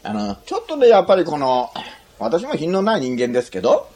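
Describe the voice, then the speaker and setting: A male preacher whose husky voice swings widely up and down as he talks. He delivers his sermon in a chatty, joking way. He keeps tagging his points with a questioning "ne" for the congregation. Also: on the high side, wildly swooping pitch, fairly quick, darkish tone. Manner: chatty and humorous, often adds a questioning "ne"; asks the listeners questions.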